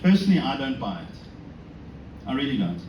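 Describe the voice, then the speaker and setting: Very animated and a little fast, this man's medium-pitched, darkish voice has its highs cut off. A South African, he is giving an informal religious talk to an audience inside a synagogue, conversational and self-deprecating, often asking rhetorical questions. The room echoes, the mic is distant, and there is background noise.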